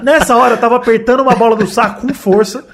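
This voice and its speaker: A woman's voice: fairly high pitch, fairly even intonation, very fast, background noise. Laughing young woman telling a story. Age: young adult. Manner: laughing storyteller acting out the other characters. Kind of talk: comic storytelling in casual chat.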